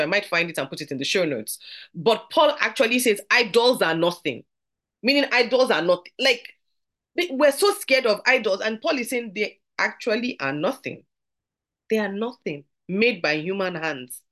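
A woman teaching a podcast Bible study, conversational and earnest, slowing down to read scripture aloud. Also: mid-range voice, animated, a bit bright.

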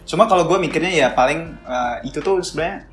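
A man's voice: fairly high pitch, fast talker. Man hosting in an echoey room. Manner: supportive listener with brief affirmations, dramatic at times. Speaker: podcast host. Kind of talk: casual chat. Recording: roomy echo, faint music.

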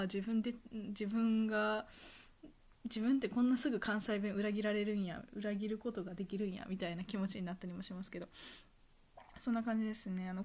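Soft-spoken young Kansai woman rambling. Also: medium pitch. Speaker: podcast host. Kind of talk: casual solo monologue.

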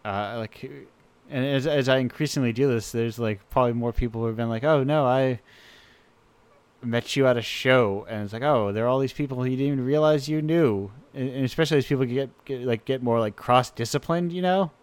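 A man's voice: mid-range voice, brisk, clean tone, no room sound. Rambling, enthusiastic radio host man. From United States. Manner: rambling, enthusiastic, frequent restarts. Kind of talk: casual chat.

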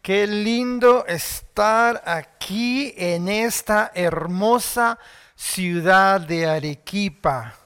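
Un predicador nacido en Argentina que da un sermón conversado y bromista ante una congregación. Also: male voice, high-pitched, extremely slow, a little hiss or hum. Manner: warm, chatty, jokes with the congregation. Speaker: preacher. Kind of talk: sermon.

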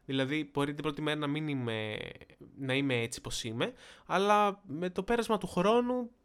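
Chatty young man with a smooth voice. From Greece. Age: young adult. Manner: chatty and animated, jumping pitch when acting out quotes. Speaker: vlogger. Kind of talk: casual storytelling monologue.

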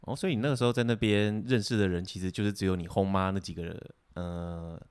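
A man hosting a podcast, teasing his guest with quick questions and interjections. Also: low voice, fairly even intonation, a little mellow, clear, resonant tone. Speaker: podcast host. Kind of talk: casual chat.

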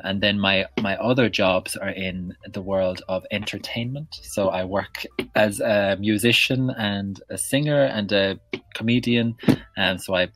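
A man in his thirties with an Irish accent, chatting casually in an interview, laughing often and filling pauses with ums. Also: sits low, fairly bright tone, no echo. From west of Ireland. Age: 30s. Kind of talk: casual conversation.

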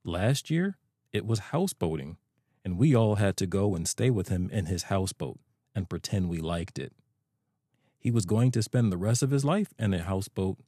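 Cheery storybook water rat, sociable and brisk, low dark voice, played by a male narrator. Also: expressive, husky, dry recording, studio quality. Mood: chatty.

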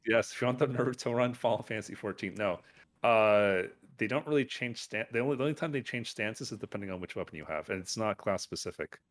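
This podcast co-host has a lowish voice and a quick delivery. His casual talk about games and anime wanders, packed with filler words and mid-sentence corrections.

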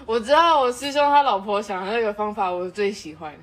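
A woman's voice: medium pitch, animated, fairly quick. A woman with a Taiwanese Mandarin accent, chatting casually on a podcast and laughing often as she tells a story. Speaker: podcast co-host; tattoo apprentice. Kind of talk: casual chat.

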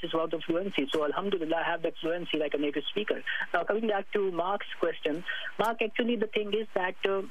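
A high-voiced man with a Pakistani accent speaks as a guest author in a radio interview. He promotes himself, repeating phrases and naming himself in the third person. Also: highs cut off, a little hiss or hum.

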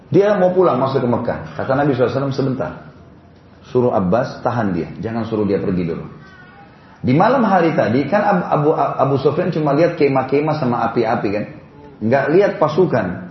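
A man telling a religious history story in a lesson, in a casual, conversational way with asides, pointing things out on a board, in a roomy, slightly dull recording. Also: mid-range voice. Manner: explains while pointing to a board. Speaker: religious teacher.

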